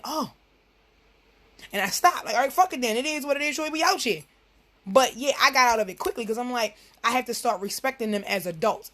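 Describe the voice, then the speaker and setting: A woman's voice: mid-range voice, fairly bright tone. A woman, hosting a live talk show in a blunt, profane, emphatic monologue. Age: 30s.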